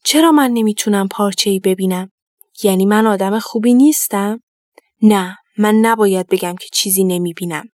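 A woman's voice: mid-range voice, darkish tone, dry recording, lightly acted. Woman reading a vain storybook king, pompous and self-pleased, dry close sound. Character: vain, fooled male king.

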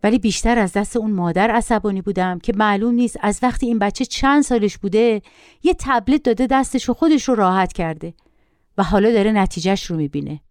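A middle-aged woman reading a first-person story aloud with vivid, animated storytelling. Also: medium pitch, clean tone, dry recording, clean studio sound.

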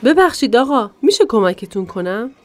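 A man's voice: very high-pitched, sing-song, soft background music, voice pushed up. A man voicing a kind, helpful female shop assistant in a narrated story. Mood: eager. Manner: eager, helpful.

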